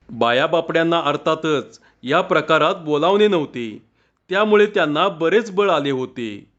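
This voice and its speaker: A man's voice: on the high side, a bit bright. A man reading a humorous story aloud, narrating steadily and voicing the village dialogue. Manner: measured narration with voiced dialogue. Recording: dull lo-fi recording.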